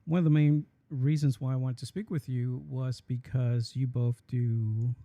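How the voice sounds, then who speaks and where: Dark, gravelly male podcast host. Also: medium pitch, flat delivery, measured pace. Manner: friendly, with fillers. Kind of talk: podcast hosting. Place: campus studio.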